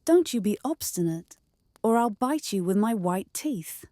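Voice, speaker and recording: A woman voicing a bossy, matronly old female field mouse from a fairy tale in a soft, breathy voice. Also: mid-range voice, animated, a little slow, dry recording, clean studio sound, natural voice. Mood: scolding.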